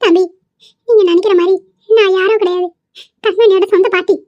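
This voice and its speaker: A woman's voice: very high voice, fairly even intonation, brisk, no room sound. Woman doing elderly grandmother, cartoon, pleading, tearful, dry muffled lo-fi sound. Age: older. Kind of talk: cartoon voice acting. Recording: muffled lo-fi recording.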